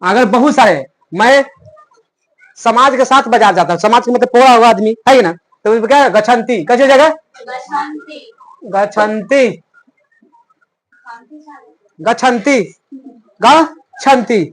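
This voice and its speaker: In an unhurried, very high-pitched and slightly bright voice with long pauses, a man leads a Sanskrit grammar lesson. The tutor speaks in simple, rustic terms and keeps questioning and then answering himself as a drill.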